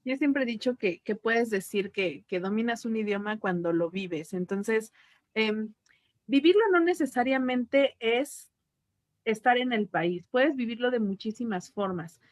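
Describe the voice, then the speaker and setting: A woman language teacher, explaining her views in a thoughtful, measured way. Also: on the high side, expressive, no echo. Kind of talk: reflective educational talk.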